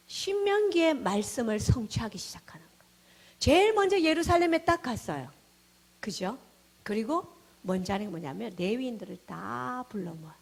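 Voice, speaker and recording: A woman pastor delivers a sermon with a lively, swooping pitch that often sinks to a near whisper. Her fairly high voice has a husky, breathy edge. She preaches with strong emphasis, her volume rising and falling sharply. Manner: animated preaching, dropping to hushed tones and rising to exclamations.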